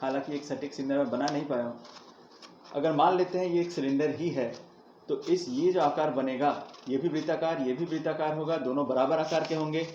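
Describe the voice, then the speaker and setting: A man's voice: a little high, brisk, darkish tone. Man teaching math in an echoey room. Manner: explains step by step, asks students questions and answers them himself. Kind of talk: classroom math lesson at a board. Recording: echoey room, dull lo-fi sound, faint hiss.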